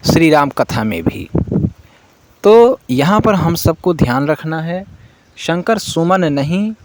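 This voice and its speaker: A man explains the correct words of a devotional hymn to his listeners and chants its verses slowly. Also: medium pitch. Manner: addresses listeners as friends, corrects pronunciation patiently; slow chanting recitation. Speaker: devotional channel presenter.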